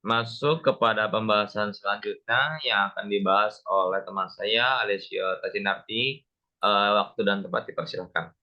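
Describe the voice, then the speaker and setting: A man's voice: lowish voice, normal speed. A young man presenting to a class, reading his part steadily with a few fillers. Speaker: student presenter. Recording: dull lo-fi recording.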